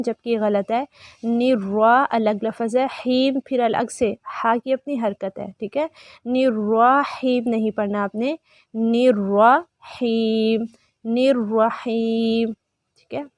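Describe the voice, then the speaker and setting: A woman teaching prayer recitation online, chanting phrases slowly and carefully, then explaining pronunciation in quick asides. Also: on the high side, no room sound, studio quality. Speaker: tajweed teacher.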